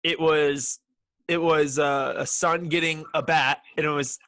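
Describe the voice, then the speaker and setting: A man's voice: fairly high pitch, fairly even intonation, unhurried, fairly bright tone, no room sound. Easygoing young man hosting, dry sound. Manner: laid-back, chatty, swears, laughs often. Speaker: podcast host. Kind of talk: casual chat.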